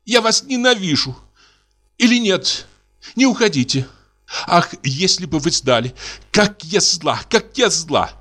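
A man's voice: high voice, big pitch swings, a little slow, a bit bright, pitched above the performer's own voice, exaggerated voice. A man voicing a hot-tempered young widow in indignant, wavering outbursts, as in an audiobook drama reading. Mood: flustered.

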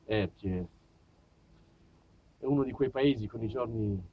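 A storyteller from southern Italy, with a matching accent, delivers a theatrical comic monologue about small-town life. His fairly low voice moves slowly and expressively, acting out dialogue and swinging between hushed and shouted. The recording sounds dull and distant, with music underneath.

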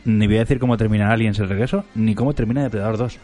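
Dude cohost, kinda halting and playful, faint music under him. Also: male voice, lowish voice, steady tone, mellow. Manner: playful, hesitant, full of restarts. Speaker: podcast co-host. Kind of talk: casual chat.

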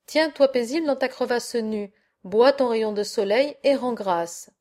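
A woman's voice: fairly high pitch, unhurried, darkish tone, lightly acted. A woman reading as a stern old peasant father. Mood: scolding. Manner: sententious, proverb-laden rebukes.

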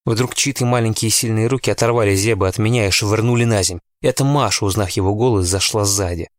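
A man narrating a novel in the first person in a steady, tense storytelling manner. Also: lowish voice, fast, no room sound. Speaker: audiobook narrator.

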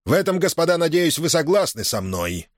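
A man doing a raging shouting general. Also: on the high side, sing-song, a little fast, no echo, studio quality, pitched above the performer's own voice. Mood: imperious. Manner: harsh, barking, furious interrogation.

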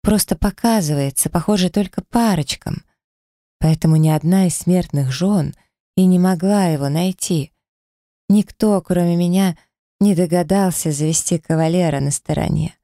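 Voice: medium pitch, normal speed, no room sound, studio quality, pitched above the performer's own voice, natural voice. A narrator putting on a teasing young snow witch. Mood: playful. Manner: teasing, excited.

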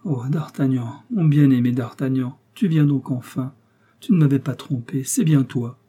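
A man's voice: medium pitch, normal speed, dark tone, husky, natural voice. A man reading an audiobook voices a frightened young woman, loving and faint, who pleads breathlessly. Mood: anguished.

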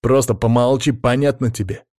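A man's voice: medium pitch, fairly even intonation, moderate pace, darkish tone, no echo, studio quality, close to an everyday voice. A man doing an arrogant young necromancer. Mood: snapping. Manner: haughty, snapping.

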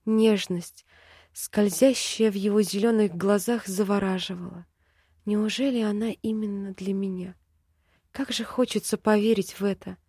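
Brief: female audiobook reader, expressive, average pitch, dead-dry booth. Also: no echo. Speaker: audiobook narrator. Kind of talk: scripted first-person narration.

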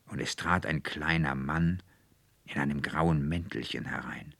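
A man reading a story aloud as an audiobook narrator, in a measured, expressive way, in a studio. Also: a bass voice, creaky, no room sound.

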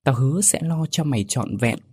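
A man's voice: mid-range voice, animated, a little fast, a little mellow, breathy edge. A man doing a stern older uncle pleading. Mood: earnest. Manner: firm, earnest pleading.

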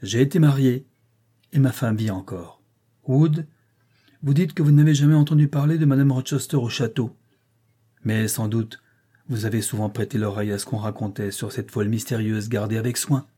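Bitter brooding nobleman, read by a man, husky low-toned voice, forceful, audiobook. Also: moderate pace, close to an everyday voice. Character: brooding proud older nobleman, bitter and defiant. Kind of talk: audiobook reading.

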